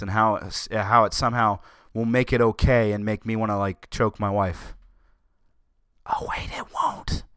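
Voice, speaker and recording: A man's voice: mid-range voice, fairly bright tone, smooth, no room sound, studio quality. A man hosting his own podcast, ranting sarcastically and sounding exasperated and very tired. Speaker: podcast host. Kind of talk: solo podcast rant.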